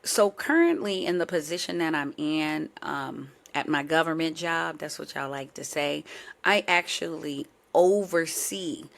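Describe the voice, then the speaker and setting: A young woman hosts her own podcast at an unhurried, slow pace. Her voice is gravelly and a bit low. She has a sore throat and talks to her listeners in a playful, chatty way. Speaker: podcast host. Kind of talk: casual chat.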